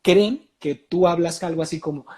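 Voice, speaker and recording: A man with a Mexican accent, a voice coach talking in an interview, explaining in an animated way with many filler sounds. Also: fairly high pitch, normal speed. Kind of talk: casual interview talk.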